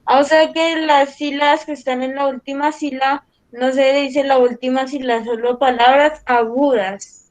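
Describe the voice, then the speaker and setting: High-voiced woman asking hesitant questions. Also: steady tone, moderate pace, low-quality recording. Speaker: student. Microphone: video call.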